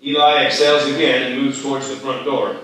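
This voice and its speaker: During a live screenplay table read at a festival, a man reads the stage directions as scripted narration, his medium-pitched voice steady, fairly quick and a bit bright. The echoey room and distant mic leave faint noise in the recording.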